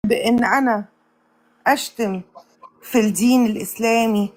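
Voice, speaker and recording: A woman caller with an Egyptian accent, talking loudly and defiantly back at a debate host. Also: fairly high pitch, steady tone, moderate pace, a crowd in the background. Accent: Egyptian Arabic. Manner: loud and defiant.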